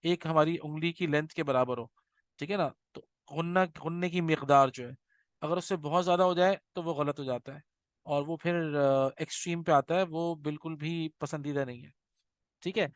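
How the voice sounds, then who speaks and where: A man teaching a recitation class, explaining patiently and often checking that students follow, and demonstrating slow nasal recitation. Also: on the high side, steady tone, clear, resonant tone, no room sound.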